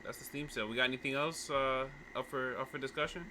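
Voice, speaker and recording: A young man co-hosting a podcast, explaining a word game in relaxed, slangy chat. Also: mid-range voice, fast, a little hiss or hum. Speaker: podcast co-host. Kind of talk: casual chat.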